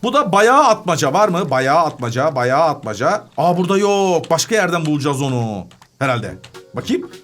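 A woman's voice: low-pitched, very animated, moderate pace, fairly bright tone, faint music behind. A woman hosting a children's gaming channel, chatting playfully through a game, humming little tunes and giggling. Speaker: kids' gaming channel host.

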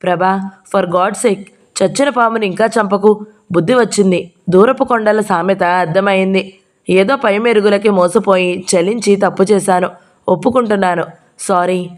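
A woman's voice: mid-range voice, normal speed, natural voice. Female narrator doing a middle-aged cheating husband, resentful and sulky, lightly characterised. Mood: pleading. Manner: bitter, sulking complaints. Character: remorseful middle-aged married man who strayed. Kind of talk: audiobook character reading.

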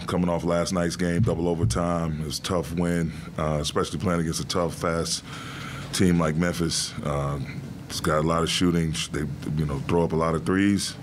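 A middle-aged man coaching basketball, answering press questions in a measured, deliberate way with many fillers, into a desk mic in a press room. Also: sits low, a little hiss or hum. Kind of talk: postgame press conference answers. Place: press room before a logo backdrop. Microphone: desk mic on a stand.

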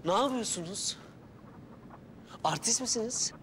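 A man's voice: very high voice, animated, a little slow, background noise. An actor playing an eccentric, grandiose man in a TV comedy who lectures and then slips into made-up gibberish. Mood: lecturing. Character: eccentric rambling man babbling nonsense talk. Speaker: strange tea-house man called troll. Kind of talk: TV comedy acting.

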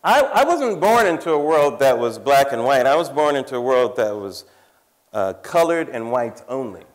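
A man's voice: mid-range voice, sing-song, moderate pace. A man in his fifties doing a wry, conversational comic talk on a theater stage, teasing the audience and laughing at his own jokes. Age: 50s. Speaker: comedian and cultural commentator. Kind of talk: stand-up style talk on stage. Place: large theater stage before a live audience.

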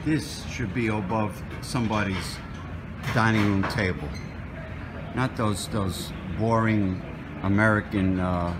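A man's voice: sits low, heavy background noise. A man filming a casual walk-through of a restaurant buffet on his phone, chatting and muttering to himself as he picks food. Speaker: vlogger. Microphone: handheld phone.

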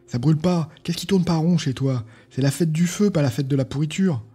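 A man's voice: fairly high pitch, a little fast, husky, pitched above the performer's own voice. A man doing brash young blacksmith Tyrone. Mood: scornful scolding. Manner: loud, mocking, scolding. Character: brash young village blacksmith apprentice, scornful.

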